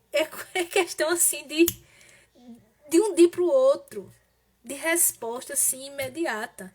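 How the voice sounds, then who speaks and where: A woman with a northeastern Brazilian accent preaching and leading prayer on a live broadcast, urging listeners with fervent, repeated appeals and softening to a hushed tone in prayer. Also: high-pitched. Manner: fervent, emphatic exhortation with pleading repetitions.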